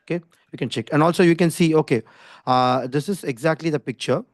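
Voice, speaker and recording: Fast-talking Indian man teaching an online class. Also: a little high, no room sound, clean studio sound. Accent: Indian English. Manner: didactic, insistent, repeats himself, often checks with "okay?". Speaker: design skills instructor. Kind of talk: live online lesson, informal explaining. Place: online video call with screen share.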